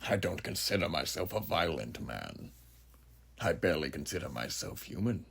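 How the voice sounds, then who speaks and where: A man playing a huge, ageless, sinister judge who muses grandly and theatrically in a horror monologue, with a gravelly, breathy voice and rhetorical questions to the listener. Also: very deep voice, sing-song, normal speed, a bit bright, exaggerated voice. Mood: grandiose, sinister. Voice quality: gravelly, husky, breathy at phrase ends. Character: huge ageless sinister philosophizing judge, menacing male drifter.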